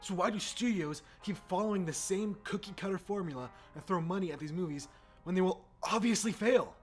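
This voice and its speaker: A gaming host with a high voice rants fairly quickly, exasperated and informal, cursing as he shares opinions to the mic. Music runs in the background.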